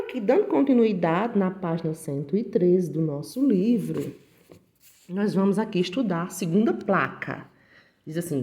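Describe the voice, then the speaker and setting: Lively Brazilian teacher, a woman. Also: medium pitch, gravelly. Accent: Brazilian Portuguese. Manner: explains patiently, talks to the pupils directly. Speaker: primary school teacher. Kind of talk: recorded online lesson.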